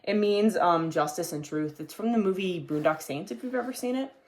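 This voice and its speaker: A man's voice: high-pitched, fairly quick, a little mellow. A young man hosting his own video podcast, chatting casually to a camera in a rambling way and swearing now and then. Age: young adult. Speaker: podcast host. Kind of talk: casual solo video chat. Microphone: talking to a camera.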